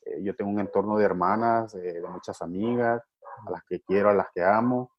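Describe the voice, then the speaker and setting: On a lo-fi recording, a man from Honduras, middle-aged and working with men's groups, talks a little fast in a fairly low, steady voice. It's a reflective conversation, sprinkled with fillers and repetitions.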